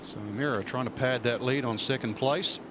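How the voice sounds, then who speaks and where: A man's voice: medium pitch, moderate pace, a loud crowd. A man giving conversational commentary on a golf tournament as a commentator. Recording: outdoor broadcast, clear ambient noise.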